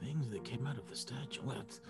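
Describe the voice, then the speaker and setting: A man's voice: medium pitch, fairly quick, gravelly, faint music behind, close to an everyday voice. A man voicing a wary dwarven guardian in a fantasy tabletop game, questioning strangers with a suspicious, muttering manner. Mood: grave.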